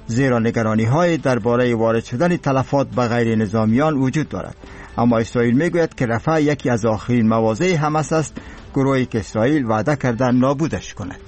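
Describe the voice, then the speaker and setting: A man with an Afghan accent reading scripted radio news in a solemn, formal, measured manner. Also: mid-range voice, a little mellow. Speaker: radio newsreader.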